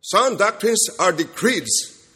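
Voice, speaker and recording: Guy preaching a bible sermon, kinda husky, repeats stuff for emphasis, long echo like a big hall. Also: sits high, big pitch swings, takes it slowly, bright, forceful tone. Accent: non-standard accent, self-described jokingly as Kentucky. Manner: emphatic, repeats phrases, checks in with rhetorical questions. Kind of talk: expository sermon. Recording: echoey hall with long reverb.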